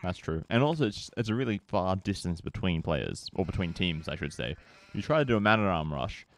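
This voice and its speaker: Deep-voiced relaxed male co-caster. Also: fairly quick. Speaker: esports co-caster. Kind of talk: live game commentary. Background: faint background music.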